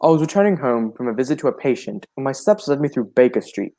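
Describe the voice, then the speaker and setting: In a 1940s-style radio drama, a man plays a genial older gentleman doctor, narrating in a hospitable, old-fashioned storytelling way. His medium-pitched voice is very animated and moves at a quick pace.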